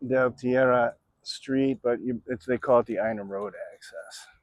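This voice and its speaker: Riding a bike down an outdoor trail, a man in his sixties from Florida vlogs in a chatty, meandering way, full of fillers. He has a mid-range voice with fairly even intonation and an unhurried pace, and the recording is dry.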